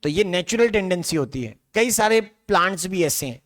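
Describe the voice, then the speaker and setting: A man with a slightly high, somewhat bright voice speaks to a large biology class, lecturing in a loose, talky style. He stays expressive at a moderate pace and keeps checking in with students through rhetorical questions.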